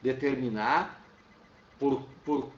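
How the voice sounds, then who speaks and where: A man's voice: mid-range voice, steady tone, slow, distant mic. A man teaching a lesson, explaining step by step and checking in with his students. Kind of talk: classroom lecture. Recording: roomy, dull sound from off-mic.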